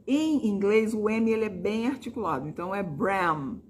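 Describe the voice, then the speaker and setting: A woman's voice: mid-range voice, lively intonation, darkish tone, slight background noise. Chatty woman teaching pronunciation. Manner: chatty, demonstrative, repeating words slowly. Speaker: book channel host teaching English pronunciation. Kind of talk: casual video lesson.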